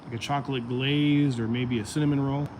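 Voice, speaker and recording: This livestream host speaks fairly quickly with a medium pitch and fairly even intonation, with background noise behind him. His voice is going out while he rambles and chats directly with viewers in a casual stream.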